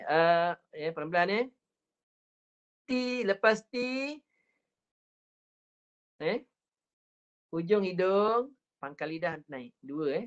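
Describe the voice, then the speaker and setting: In a lo-fi recording, a man with a fairly high pitch and a Malaysian Malay accent leads an online Quran recitation lesson. Patient with his drills, he repeats them and draws words out slowly as a demonstration.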